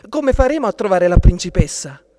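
An earnest young prince from a storybook, as a man puts him on, who speaks in a fairly high, eager voice. He sounds resolute. The sound is close and dry. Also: sing-song, a little fast, warm tone, no room sound.

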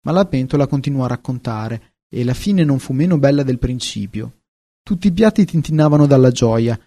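A man narrating a fairy tale in a measured, expressive way, recorded close to the mic. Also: medium pitch, dry recording. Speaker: audiobook narrator.

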